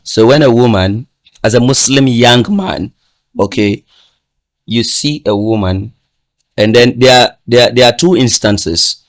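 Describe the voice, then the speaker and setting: A man's voice: mid-range voice, unhurried. Emphatic man. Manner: emphatic, repeats "do you understand?", laughs often. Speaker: podcast speaker giving advice. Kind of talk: casual podcast discussion.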